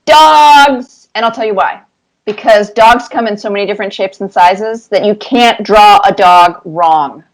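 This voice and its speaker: A woman cartoonist answers interview questions with casual anecdotes, telling them in an animated way and repeating words for emphasis. Her voice is medium-pitched and unhurried, and the recording is low quality.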